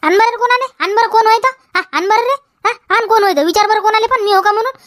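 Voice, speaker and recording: A woman's voice: very high voice, brisk, a bit bright, dry recording, studio quality. A woman with a Vidarbha Marathi accent playing a quarrelsome village wife who argues back and repeats her questions in a comedy sketch. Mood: defiant. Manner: argumentative, repeats questions, tags "हा?".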